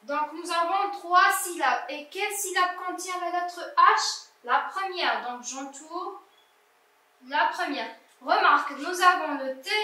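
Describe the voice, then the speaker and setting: A woman teaching a primary school class, correcting exercises slowly and sounding out each syllable. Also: very high-pitched, pushed and bright, recorded from a distance. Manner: slow, deliberate, sounding out syllables. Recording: echoey room, voice away from the mic.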